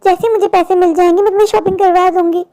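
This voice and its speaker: A poor young woman from a cartoon, the worried older sister of the family. She talks in a very high, thin voice, pleading and worn down. Her sorrow runs through every line. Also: steady tone, rapid-fire, warm tone. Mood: despairing. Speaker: cartoon character. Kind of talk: Hindi cartoon voice acting.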